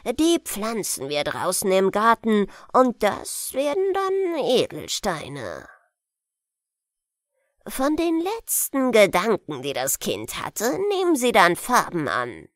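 A woman voicing an evil old male wizard in a bedtime fairy tale, speaking slowly and gloatingly, sometimes dropping to a hush. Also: medium pitch, huge pitch swings, no room sound, studio quality. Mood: sinister coaxing. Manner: slow, gloating, hushed in places.

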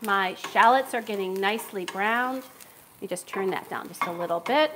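Streaming a live cooking show from her large home kitchen, a middle-aged woman with a Philadelphia accent chats and laughs frequently as she works. She speaks at a moderate pace with medium pitch, recorded by a distant camera across the room amid a noisy background.

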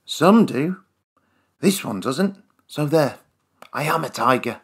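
A woman voicing a small, boastful male mouse who stubbornly insists he is a tiger, in a low, husky storybook voice. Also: animated, slow pace, heavily acted. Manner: stubborn, proud declarations.

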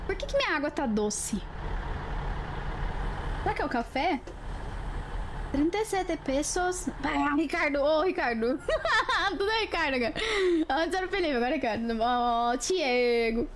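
A woman's voice: high-pitched, lively intonation, a little slow, pauses often, noisy background. A woman, chatting playfully with viewers on a live stream through a webcam, teasing and giggling.

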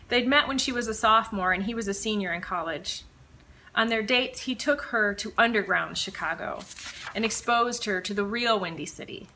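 A woman author reading her own mystery novel aloud with measured, expressive storytelling. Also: mid-range voice, rough recording. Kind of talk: audiobook-style reading of fiction.

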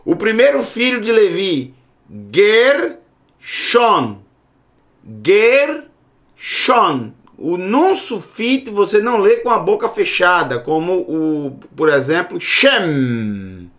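A man teaching a recorded Bible Hebrew lesson, explaining slowly, repeating words and checking in with the class. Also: high-pitched, expressive.

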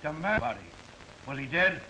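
An actor playing a skeptical, curt police sergeant in dry 1940s screwball comedy banter, on an old film soundtrack. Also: male voice, on the high side, lively intonation, moderate pace, background noise, lightly acted.

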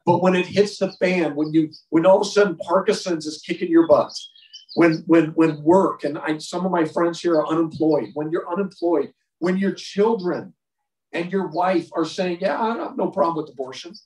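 A man's voice: on the high side, steady tone, normal speed, a little mellow, distant mic. Emphatic man leading a men's Bible lesson. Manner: emphatic, conversational, repeats words for stress. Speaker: men's Bible study leader. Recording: roomy sound from away from the mic.

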